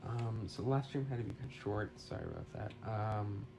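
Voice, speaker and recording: With a brisk, lowish voice and some vocal fry, a man live streaming his game development work chats casually and hesitantly as he thinks out loud. He's using a phone as his microphone, set slightly distant for a roomy sound, with background music and other noise.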